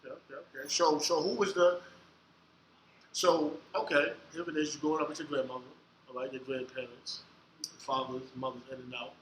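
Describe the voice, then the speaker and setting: A man hosting a casual podcast interview, joking and bantering loudly in slang. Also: medium pitch, steady tone, a little fast, reverberant, slight background noise, poor audio. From United States. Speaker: podcast host.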